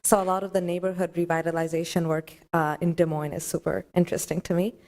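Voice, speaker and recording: A woman's voice: lowish voice, flat delivery, fast talker, a little mellow. Upbeat young woman from Bangladesh. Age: young adult. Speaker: graduate student fellow. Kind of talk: self-introduction.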